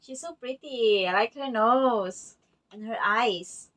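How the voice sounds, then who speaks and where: A woman's voice: fairly high pitch, slow, a bit bright. A woman hosting a movie reaction video, making casual remarks as she watches. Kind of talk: casual spoken reactions while watching a film. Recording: very noisy, film sound bleeding in.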